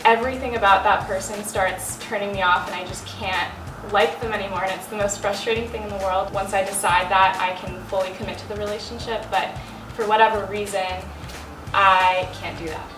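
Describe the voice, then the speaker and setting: On a studio sofa indoors, a nineteen-year-old panel guest chats candidly and thoughtfully, saying "like" a lot. Her medium-pitched voice is fairly even and fairly quick. The sound is roomy and distant, with a music bed underneath.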